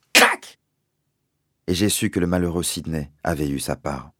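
Deep-voiced man reading a story aloud. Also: a little mellow, no echo, clean studio sound. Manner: measured, deliberate storytelling. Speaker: narrator. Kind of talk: audiobook reading.

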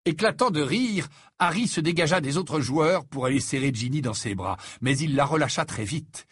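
A man narrating an audiobook and voicing the characters in an expressive way. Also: moderate pace, slightly rough, no room sound, studio quality. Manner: expressive, raises pitch for dialogue.

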